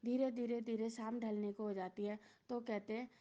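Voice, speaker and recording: A woman tells a story in a loose, informal way, repeating herself and filling her pauses. Her voice is mellow and sits a little high. The recording sounds dull and lo-fi. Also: flat delivery. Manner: informal, repetitive narration with many fillers. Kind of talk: casual spoken storytelling.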